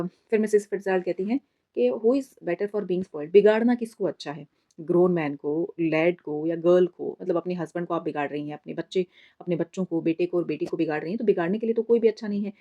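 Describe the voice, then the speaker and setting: A woman's voice: on the low side, a little fast, warm tone. A woman teacher giving an exam summary lesson in mixed Hindi and English, patiently explaining and calling her students "beta". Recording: slightly dull lo-fi recording.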